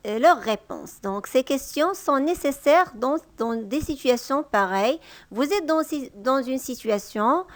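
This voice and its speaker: A woman teaching a language lesson. She speaks patiently and repeats each example sentence slowly and a little louder. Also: sits high, dry recording. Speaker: French teacher. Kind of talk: slow, clear language lesson.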